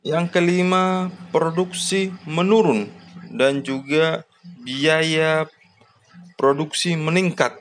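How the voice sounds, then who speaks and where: Male host, slightly high-pitched, giving a plain farming lesson with frequent fillers. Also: takes it slowly, pauses often, a bit bright, slight background noise. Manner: addresses farmers as "Bapak Ibu", frequent "ya" and "namanya" fillers.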